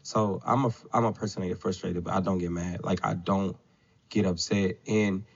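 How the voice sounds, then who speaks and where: A man in his thirties with a somewhat low voice, sitting as a podcast guest. He talks in a loose, rambling way and keeps adding filler checks. The sound is dull and lo-fi. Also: fairly even intonation, normal speed, gravelly, breathy edge. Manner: loose and rambling, with frequent "you know what I'm saying". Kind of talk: casual conversation.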